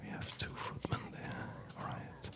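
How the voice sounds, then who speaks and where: This is a gaming host's quiet ASMR session: he murmurs softly and at length about the game in front of him, never rushing.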